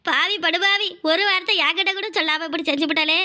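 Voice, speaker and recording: A woman's voice: extremely high pitch, fast talker, bright, forceful tone, full character voice. A woman voicing a grieving older mother in a cartoon, with a Kanyakumari Tamil accent, lamenting and scolding. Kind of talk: cartoon voice acting.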